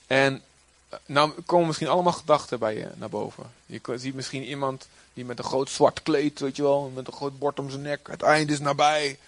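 A man preaching a sermon in a lively way, sometimes acting out quoted figures in a raised voice. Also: medium pitch, fairly quick, hardly any pauses, no room sound.

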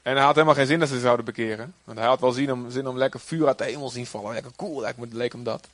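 A man preaching a sermon in a lively way, sometimes acting out quoted figures in a raised voice. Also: mid-range voice, racing.

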